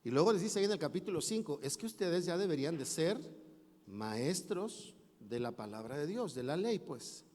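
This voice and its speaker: A man's voice: on the high side, very animated, moderate pace, darkish tone. A male pastor preaching a sermon, telling a story with acted voices and asides to the congregation. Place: church sanctuary. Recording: long church hall reverb.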